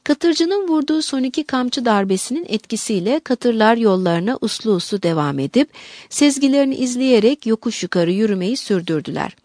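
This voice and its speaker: A woman narrating an audiobook in a measured, expressive reading. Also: fairly high pitch, dry recording, clean studio sound.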